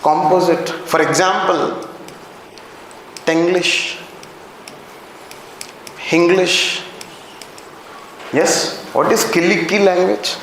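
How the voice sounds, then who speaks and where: Indian male teacher, high voice, quizzes the room and answers himself, recorded in a very roomy classroom. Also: fairly even intonation, very slow, long pauses, a bit bright. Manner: questioning the class, answering his own questions. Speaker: anthropology teacher. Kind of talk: classroom lecture. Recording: very echoey classroom, faint background noise.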